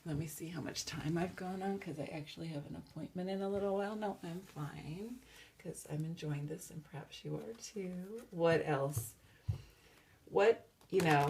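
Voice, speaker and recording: Low, gravelly woman reading tarot. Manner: dreamy, meandering, with many fillers and restarts; self-described valley-girl talk. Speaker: tarot reader. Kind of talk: casual spoken tarot reading.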